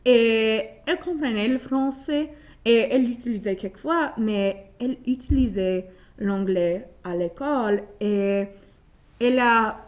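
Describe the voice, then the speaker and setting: Young woman with a Cajun French accent. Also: mid-range voice. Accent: Cajun Louisiana French. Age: 20s. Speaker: interview guest, French studies graduate student. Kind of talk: casual interview conversation.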